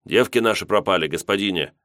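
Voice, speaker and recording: A man's voice: low voice, quick pace, a bit bright, no echo, clean studio sound. A man voicing a stout gray-bearded peasant farmer who speaks in a plain, folksy and solemn way. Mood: worried.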